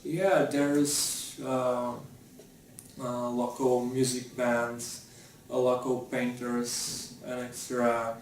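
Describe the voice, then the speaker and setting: Flat-voiced young man in an echoey room. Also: mid-range voice, a little hiss or hum. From Bulgaria. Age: young adult. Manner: halting, repeats himself. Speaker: interviewee, law student. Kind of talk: answering interview questions. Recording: echoey, distant from the mic.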